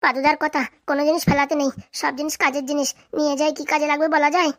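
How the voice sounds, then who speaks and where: A woman voicing cartoon characters in a comedy, with an excited, pleading manner. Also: high voice, very fast. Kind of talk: cartoon voice acting, several roles.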